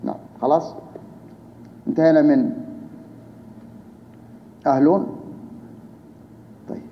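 A man leads a grammar class, his voice sitting a little high. He breaks each rule down step by step and keeps asking his students questions. The recording is dull and lo-fi, with a long hall reverb and faint background noise. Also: fairly even intonation, takes it slowly. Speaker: Arabic grammar teacher.

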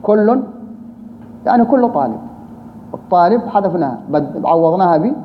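High-voiced male grammar teacher, roomy. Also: expressive, normal speed. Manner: patient, repeats key terms and asks rhetorical questions. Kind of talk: explanatory grammar lesson. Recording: roomy reverb, dull lo-fi sound, faint hiss.

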